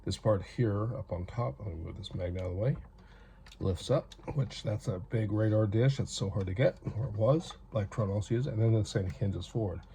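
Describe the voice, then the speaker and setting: Casual male reviewer, warm lowish voice, talks in loose asides; light background hum. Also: brisk, gravelly. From North America. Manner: rambling, chatty, self-aware asides. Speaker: toy reviewer.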